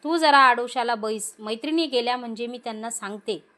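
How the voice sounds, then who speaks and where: Woman voicing a brisk young palace maid. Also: on the high side, pushed and bright. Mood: brusque. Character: palace maidservant, blunt then humble.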